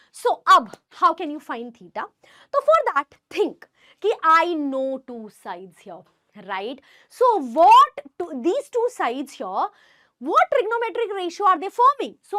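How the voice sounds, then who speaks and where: A woman's voice: sits high, bright, forceful tone, no echo, clean studio sound. A woman with a North Indian accent teaching step by step as a maths teacher, emphatic, often checking with her pupils and slipping Hindi phrases into her English. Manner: emphatic, addressing pupils with frequent check questions. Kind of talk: online lesson, explaining step by step.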